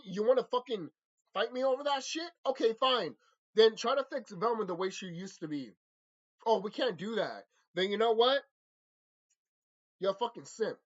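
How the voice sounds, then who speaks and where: Commentator, mid-range voice with big pitch swings, vehement and sweary, hammering repeated phrases, lo-fi recording. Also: fairly bright tone. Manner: ranting, vehement, heavy swearing; repeats phrases for emphasis, mocking. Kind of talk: profane opinion rant about cartoons. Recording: dull lo-fi microphone.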